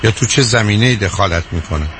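A man's voice: on the low side, noisy background. Frank male radio advice host. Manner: frank, calm and direct. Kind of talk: call-in advice talk.

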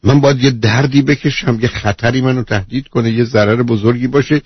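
A man's voice: mid-range voice, steady tone, slightly rough, no echo, dull audio. A man hosting a call-in advice show, bluntly interrupting and lecturing the caller. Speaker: radio advice host. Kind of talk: call-in counselling.

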